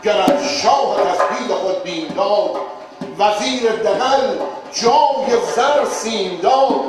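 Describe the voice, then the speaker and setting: A man giving a grand, theatrical recitation of epic poetry as a traditional storyteller, declamatory and dramatic. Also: high voice. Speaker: Shahnameh storyteller (naqqal). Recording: very echoey, distant mic, music behind.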